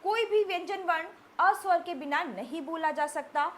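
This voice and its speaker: Woman teacher, high voice, step-by-step lesson delivery, faint noise behind. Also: normal speed, fairly bright tone. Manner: explains step by step, often checks in with "thik hai". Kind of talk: classroom grammar lesson.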